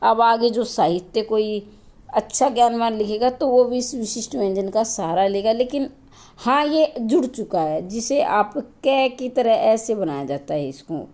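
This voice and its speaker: A woman with a slightly high, slightly mellow voice delivers a classroom-style grammar lesson at a somewhat slow pace. She explains step by step, asks and answers her own questions, and repeats key points for her students.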